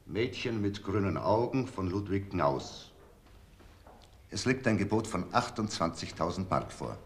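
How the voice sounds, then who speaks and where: An actor playing a middle-aged auctioneer, calling out bids in measured, formal phrases in a TV drama. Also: male voice, deep voice, expressive. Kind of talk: screen drama acting. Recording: faint background noise, old TV soundtrack.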